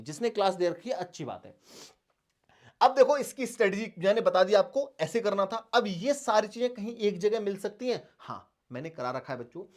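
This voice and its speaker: A maths teacher coaches students for their exams in an online lesson, talking through strategy in a high voice. He's instructive and affectionate toward them, repeating points and posing rhetorical questions.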